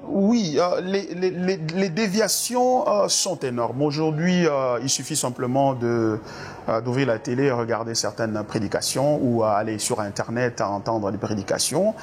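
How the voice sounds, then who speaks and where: A Congolese pastor talks through church doctrine in an interview, at an ordinary mid pitch. His delivery is earnest and sermon-like, full of hesitations and repeated words. A faint hiss sits under the recording. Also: moderate pace, darkish tone. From Democratic Republic of the Congo. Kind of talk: interview answers on faith.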